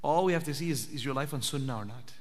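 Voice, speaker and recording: Talking fast at a medium pitch, a man delivers an earnest sermon at a spiritual retreat, directly questioning his audience. He is an Islamic teacher speaking at i'tikaf. The recording carries a long hall reverb.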